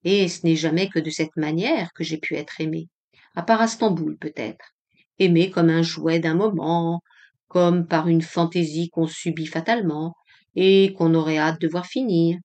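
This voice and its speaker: A woman reading an old diary aloud as an audiobook, in an earnest, measured way with emphatic rises. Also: sits low, fairly even intonation, a little mellow. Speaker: audiobook reader.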